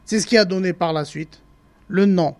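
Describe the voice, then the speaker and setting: A speaker from the Marquesas Islands, explaining how words changed in a deliberate broadcast talk that pauses often to search for words and repeats example words. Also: mid-range voice. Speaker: language presenter on a broadcast.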